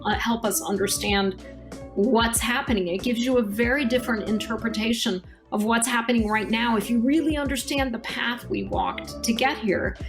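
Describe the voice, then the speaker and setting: A woman guest in an interview, explaining her views in a reflective, fluent way. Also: on the high side. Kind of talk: conversational interview.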